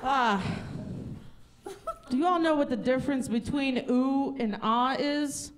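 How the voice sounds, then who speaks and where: This woman's voice is high-pitched and her pace measured as she does a stand-up comedy set on stage. The material is chatty and self-mocking, with loud character bits, while the live audience in the venue laughs.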